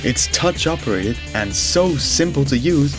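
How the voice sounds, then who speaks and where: Man as punchy infomercial voice-over, mid-pitched, emphatic hard sell, loud backing music. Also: expressive, unhurried, close to an everyday voice. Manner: emphatic, rhetorical, instructional. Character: punchy male infomercial announcer.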